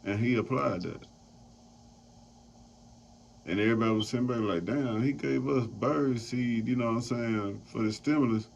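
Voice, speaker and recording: A man's voice: mid-range voice, normal speed, creaky, pauses often, a little mellow. A man hosting a casual roundtable chat, loose and profane, rambling as he talks. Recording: dull lo-fi sound, faint noise.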